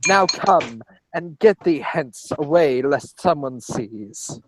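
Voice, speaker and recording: Prissy golden robot in verse, read by a man; higher voice, slow careful lines. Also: animated, noisy background. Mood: fussy indignant. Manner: fussy, scolding verse delivery. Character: fussy pompous golden male droid. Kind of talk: live Shakespearean verse reading.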